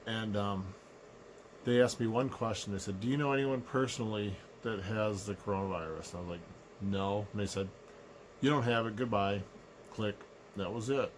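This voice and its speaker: A middle-aged man talking casually to camera in a low, unhurried, subdued voice, sick with a sore throat. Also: steady tone, a little hiss or hum, poor audio. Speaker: vlogger. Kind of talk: casual personal rant to camera. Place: small living room indoors.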